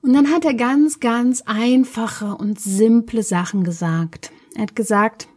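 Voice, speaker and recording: A woman's voice: a little high, a little slow, a little mellow, slightly rough. A woman from Berlin casually telling a personal story in a reflective way, often searching for words. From Berlin, Germany.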